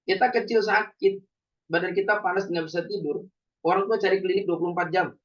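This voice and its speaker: A man's voice: high voice, brisk, fairly bright tone. A man preaching a conversational sermon, telling everyday stories and asking the listeners rhetorical questions. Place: mosque hall. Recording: distant dull lo-fi.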